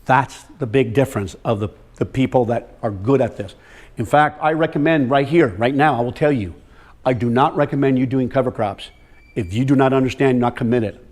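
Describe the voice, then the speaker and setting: A man's voice: mid-range voice, fairly quick, darkish tone. A man giving a lecture to a room of farmers, emphatic and direct, repeating words for stress and calling on the audience. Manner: addresses audience directly, walks and calls on them. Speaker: soil health speaker.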